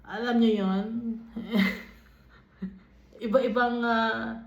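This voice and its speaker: A woman with a Filipino accent leading a Bible study, reading verses aloud and then explaining them in an unhurried way, switching between English and Tagalog. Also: fairly high pitch, fairly even intonation, creaky. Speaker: Bible teacher. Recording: dull, lo-fi recording in an echoey room.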